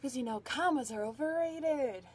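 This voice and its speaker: Young woman rambling about a book she just finished, kinda high voice, a bit breathless, lots of "like". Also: normal speed, breathy edge. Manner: rambling, chatty, filler-heavy. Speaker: book vlogger. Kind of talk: casual book review. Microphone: phone or webcam.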